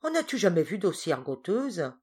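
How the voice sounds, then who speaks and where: A woman's voice: fairly low pitch, sing-song, normal speed, a little mellow, slightly rough. A woman reading aloud, voicing a dejected male thief who grumbles in slangy, self-mocking complaints. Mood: rueful.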